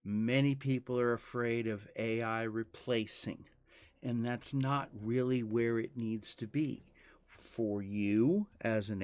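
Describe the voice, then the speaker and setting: Slow-talking male podcast host. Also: mid-range voice, no echo. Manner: unhurried, reflective, conversational. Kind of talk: casual podcast conversation.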